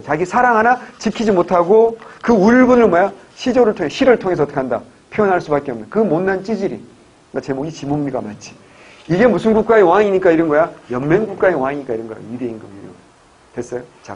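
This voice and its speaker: A man's voice: fairly high pitch, a little mellow, husky, highs cut off. A man teaching history for exam prep, telling jokey stories and firing rhetorical questions at his students. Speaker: history lecturer.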